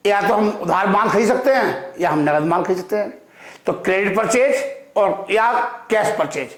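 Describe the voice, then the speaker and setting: A male accounting teacher giving a classroom lecture in a digital-board classroom, asking the class questions and answering them himself, and drawing key terms out slowly. He speaks English with an Indian accent. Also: sits high, lively intonation, echoey room. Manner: asks the class questions and answers them himself, calls students "beta" and "bachhon"; slow, drawn-out repetition of key terms.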